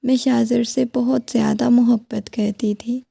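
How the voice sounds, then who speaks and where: A woman voicing a heartbroken, tearful young wife who pleads softly, in a creaky voice. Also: fairly high pitch, little pitch movement, no room sound, studio quality, exaggerated voice.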